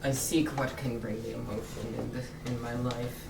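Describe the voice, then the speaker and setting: A player voicing a wistful traveler with a put-on French accent, speaking in slow, halting phrases, recorded far from the mic in an echoey room with noise behind. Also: medium pitch, flat delivery, gravelly, lightly acted. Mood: dreamy.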